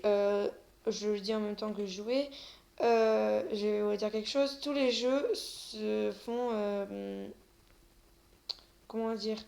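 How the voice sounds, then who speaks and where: A woman creating gaming videos gives casual commentary while playing, hesitant and full of fillers, and she stammers often. Her medium-pitched voice is creaky with a darkish tone.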